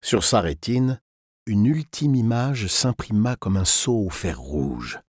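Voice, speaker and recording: A man narrates a grim story in a low, slightly husky voice. His delivery swings widely in pitch to build tension. The sound is close and dry. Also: slow pace, no echo. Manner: expressive, tense storytelling. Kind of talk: dramatic audiobook narration.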